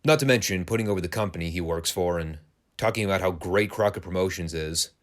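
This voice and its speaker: A man's voice: low voice, quick pace. A man hosting a wrestling podcast, giving a casual, sarcastic and crude play-by-play review of an old broadcast. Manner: sarcastic, crude, dry humor.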